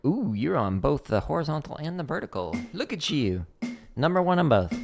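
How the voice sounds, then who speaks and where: A drum teacher streaming his practice chats loosely with livestream viewers between runs, saying "like" a lot and counting tempos aloud while drumming on a practice pad. His fairly high voice swings widely in pitch at a moderate pace and sounds gravelly, set over loud music.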